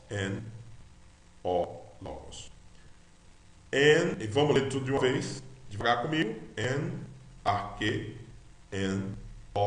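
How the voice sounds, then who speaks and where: A man's voice: on the low side, echoey room. A man with a Brazilian Portuguese accent teaches a Greek lesson, spelling out each letter and sound and having the listener repeat after him. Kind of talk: slow recorded language lesson.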